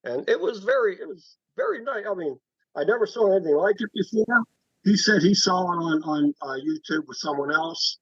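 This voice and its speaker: A man's voice: high-pitched, lively intonation, slightly rough, no room sound. Man on a cell-phone conference call. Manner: halting, repeats words and restarts often. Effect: conference call over a cell phone. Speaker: woodturning club member showing his work. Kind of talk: casual chat on a group call. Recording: dull dry phone-call audio.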